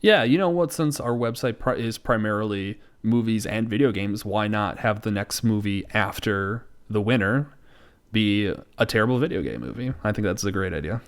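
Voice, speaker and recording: A man co-hosts a podcast, trading casual comedic banter about movies in a self-deprecating, mock-exasperated way. His pitch is fairly low and he talks at normal speed.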